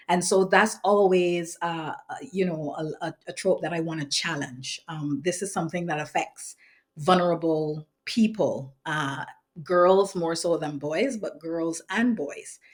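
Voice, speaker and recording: A woman speaks in a somewhat low voice. She is an activist giving an earnest, measured interview. She pauses often on ums and restarts her sentences. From Barbados. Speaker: activist in residence. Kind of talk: reflective interview monologue.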